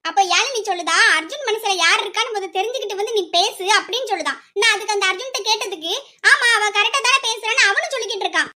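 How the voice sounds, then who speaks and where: A woman's voice: extremely high pitch, lively intonation, quick pace, bright, forceful tone, heavily acted. A woman voicing an angry, hot-tempered young daughter complaining indignantly, in an audio drama. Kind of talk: amateur audio drama acting.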